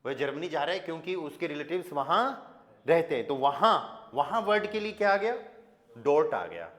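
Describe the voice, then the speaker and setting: A man with an Indian accent teaching a German grammar class in Hindi, explaining slowly and mixing in English and German examples. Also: fairly high pitch, big pitch swings, a bit bright. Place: classroom with students and online learners. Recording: echoey classroom.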